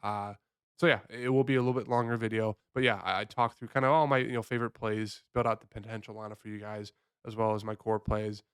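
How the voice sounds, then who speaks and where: A man's voice: lowish voice, level tone, fast, smooth, no echo, clean studio sound. A man who sounds sick, hosting a casual fantasy football picks breakdown in a loose, rambling, conversational way. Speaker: fantasy sports host.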